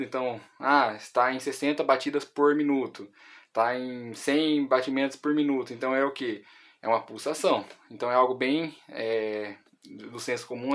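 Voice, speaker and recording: A man with a Brazilian Portuguese accent, explaining music theory in an online lesson, with many fillers and restarts. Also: medium pitch.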